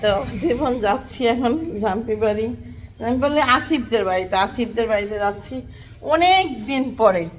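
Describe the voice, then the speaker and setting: Chatty high-voiced woman vlogger. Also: fairly bright tone, a little hiss or hum. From Bangladesh. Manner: chatty, folksy, talks to viewers and family as she films. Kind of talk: casual chat to camera.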